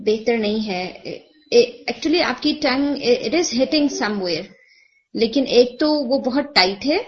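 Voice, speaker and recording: A woman giving patient, detailed recitation feedback to a student, mixing in English terms. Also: fairly high pitch. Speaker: Quran recitation teacher. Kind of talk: one-on-one tajweed feedback. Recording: lo-fi muffled audio.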